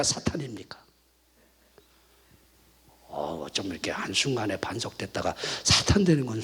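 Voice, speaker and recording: A male pastor preaching a lively sermon at a night worship service, rousing the congregation with rhetorical questions and shouted responses. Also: fairly high pitch, slightly rough. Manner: animated, exhorting with rhetorical questions.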